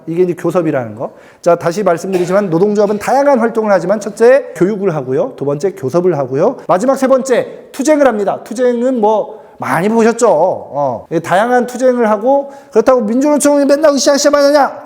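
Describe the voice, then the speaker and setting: A middle-aged man giving a lively lecture to new union members, acting out quoted voices and dialect lines. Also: sits high. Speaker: union educator.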